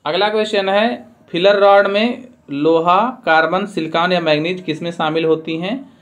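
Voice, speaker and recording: A man's voice: high voice, normal speed. A man teaching a trade quiz, reading out each question and its options, then giving the answer with a careful explanation. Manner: methodical, repeats each answer with a Hindi explanation. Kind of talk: quiz-style lesson, reading questions aloud.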